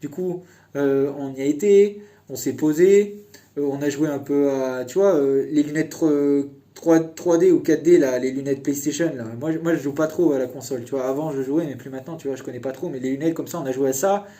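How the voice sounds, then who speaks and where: Young guy rambling thru a story, kinda high voice, warm and mellow. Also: brisk. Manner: chatty, meandering storytelling. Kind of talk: casual storytime chat.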